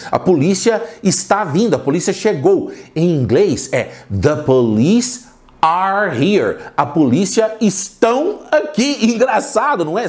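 A man hosting an English pronunciation podcast lesson. He asks chatty rhetorical questions and slows down sharply to spell out each English example phrase. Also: high voice, darkish tone. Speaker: English teacher.

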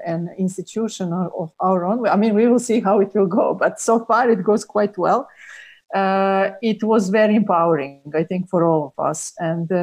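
A woman, a cooperative group member, speaks earnestly in a panel discussion, pausing often. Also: mid-range voice, dark tone.

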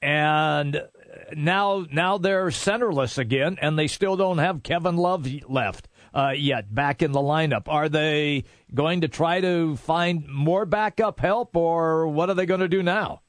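A man's voice: fairly high pitch, measured pace, no echo. A man hosting a sports talk radio show, with easygoing, friendly banter.

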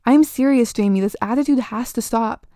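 Storybook mom, strict and nagging, as a woman puts her on, louder and sharper, gravelly grain. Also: medium pitch, moderate pace, no echo, clean studio sound, close to an everyday voice. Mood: scolding. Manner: scolding, sharp and stern. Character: strict, nagging middle-aged mother.

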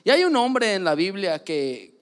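A young man giving a casual, joking sermon full of animated sports stories. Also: high-pitched, unhurried. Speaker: preacher. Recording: long reverb of a large hall.

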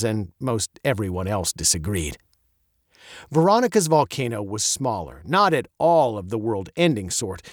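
Lively male storybook narrator. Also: dry recording, studio quality. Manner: expressive, playful storyteller with wide pitch swings. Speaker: audiobook narrator.

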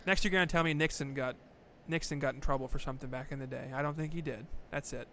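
A man's voice: mid-range voice, fairly even intonation, fast, a bit bright, a little hiss or hum. A man co-hosting a podcast, telling self-mocking stories in casual comedic chat, stammering and laughing as he goes. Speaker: podcast co-host.

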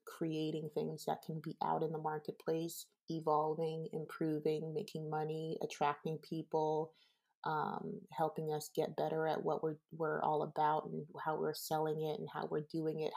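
A woman coach keeping her voice down as she gives a reflective motivational talk, speaking in deliberate, broken phrases with pauses. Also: sits low, vocal fry. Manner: hushed, keeping voice down. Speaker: business coach and host.

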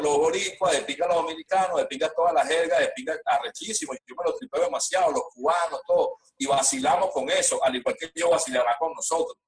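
A Venezuelan man, a guest rapper in a casual podcast chat, blunt and animated with heavy slang. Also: fairly high pitch, poor audio.

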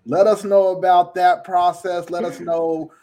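A man's voice: high voice, little pitch movement, a little slow, mellow. A man interviewing an author, polite and formal, calling him sir. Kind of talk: interview questions.

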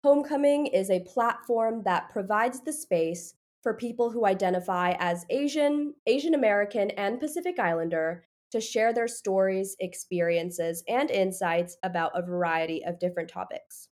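A woman's voice: mid-range voice, moderate pace, few pauses, darkish tone. Nasal-sounding woman hosting a podcast. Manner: upbeat, chatty, frequent fillers. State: stuffy nose from allergies. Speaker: podcast host. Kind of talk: casual podcast interview.

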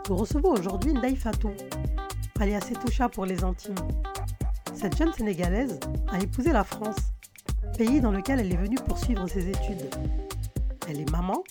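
A woman hosting a podcast in a casual interview chat, lively and quick to laugh when telling stories. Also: medium pitch, music in the background. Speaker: podcast host.

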